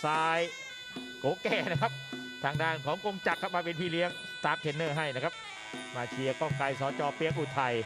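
A man's voice: on the high side, a little fast. A man giving live commentary on a combat sports bout as a fight commentator. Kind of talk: live Muay Thai commentary. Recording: music playing behind commentary. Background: clear music.

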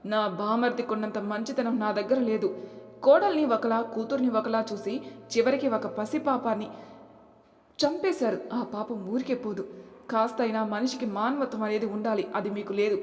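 A woman's voice: fairly high pitch, normal speed, darkish tone, close to an everyday voice. A woman voicing a furious man who threatens and rebukes his wife's family, in a roomy hall. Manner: harsh, threatening. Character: furious brother-in-law threatening his wife.

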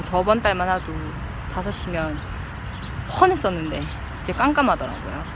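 A person recording a casual, unscripted vlog diary outdoors, chatting reflectively to viewers and pausing mid-thought. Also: mid-range voice. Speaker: vlogger. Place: outdoors by a riverside path. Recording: outdoor noise, traffic and city ambience.

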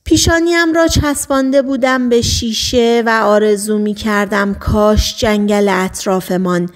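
A woman narrating a novel as an audiobook, in measured storytelling that slows on key phrases. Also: medium pitch, steady tone, faint music behind. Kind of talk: scripted narration.

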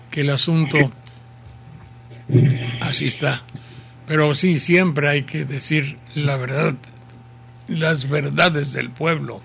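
An older radio host with a Mexican accent reads out listener messages in slow, unhurried, folksy and rambling on-air commentary. His voice is on the high side, creaky and fairly bright, strained by a sore throat. He's recording in a home study with bookshelves.

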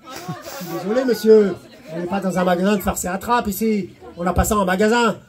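A man's voice: high voice, steady tone, fast talker, a faint crowd, pitched below the performer's own voice, lightly acted. A man voicing a stiff, formal male pharmacist who politely turns a customer away. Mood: prim.

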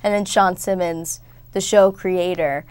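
A woman's voice: fairly low pitch, steady tone, unhurried, darkish tone, clear, resonant tone, no echo. A young woman actress chatting in an interview, breezy and giggly as she tells stories. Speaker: actress guest. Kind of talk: casual interview chat.

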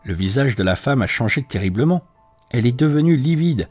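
A man reading a novel aloud as audiobook narration, in an expressive, varied way. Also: medium pitch, fairly quick, husky, no echo, soft background music. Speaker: audiobook reader.

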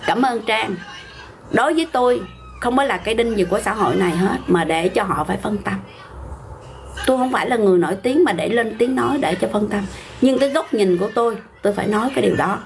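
A woman's voice: medium pitch, fast, gravelly, slight background noise. An older woman with a Southern Vietnamese accent, hosting a casual livestream, talking back bluntly and argumentatively to viewer comments.

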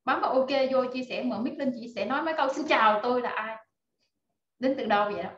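A woman's voice: on the high side, fast talker, a bit bright. A woman teaching a live online class over a video call, rallying her students with lots of fillers. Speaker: online course instructor. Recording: echoey, dull video-call audio.

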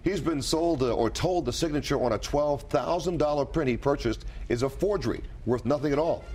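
A man reading a news introduction as a studio anchor, in a crisp delivery. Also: fairly high pitch, fairly quick, a little mellow, soft background music.

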